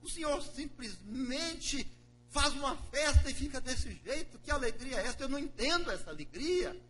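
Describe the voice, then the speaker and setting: A man's voice: very high voice, animated, fairly quick, a bit bright, a little hiss or hum, voice pushed up. A man voicing an indignant, sulky older brother. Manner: complaining, protesting.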